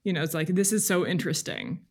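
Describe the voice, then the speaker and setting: Speaking fast with big swings in pitch, this woman has a voice on the low side. She's a freelance journalist guesting on a podcast, talking casually and working hesitantly, thoughtfully toward what she means.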